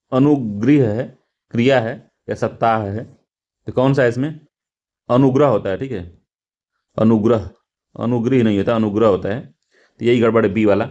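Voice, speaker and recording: A man's voice: mid-range voice, a little mellow, muffled recording. A male teacher going through exam practice questions, repeating words and correcting himself, with frequent fillers. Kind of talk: explaining test answers.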